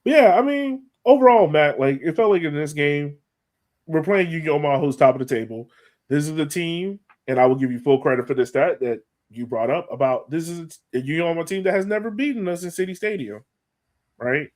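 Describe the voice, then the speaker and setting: With a slightly high voice and a brisk pace, an American podcast host shares casual soccer talk, exclaiming often like an animated supporter.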